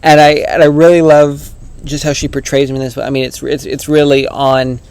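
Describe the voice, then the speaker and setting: A man's voice: fairly high pitch, flat delivery, moderate pace, a little mellow, clear, resonant tone. A man giving a casual, earnest book review on his vlog, rambling and often restarting his sentences.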